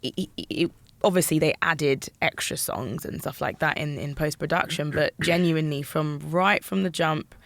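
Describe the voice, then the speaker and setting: Lively, giggly actress in a casual interview, dry close sound. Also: female voice, deep voice, moderate pace, vocal fry, no echo.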